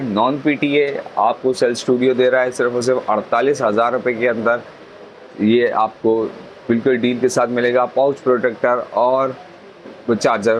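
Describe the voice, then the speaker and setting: Pakistani salesman pitching over background noise. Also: low-quality recording. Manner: repetitive, salesman-like patter. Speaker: mobile phone shop presenter. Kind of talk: promotional sales pitch listing phone models and prices.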